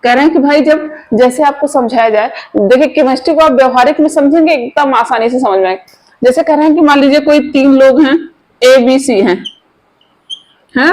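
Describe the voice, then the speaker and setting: A woman with a high, light voice giving an online chemistry lesson. She talks informally and keeps firing quick questions at her students, coaxing them to answer straight away. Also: darkish tone, low-quality recording. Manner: chatty, asks the viewers quick questions. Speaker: chemistry teacher.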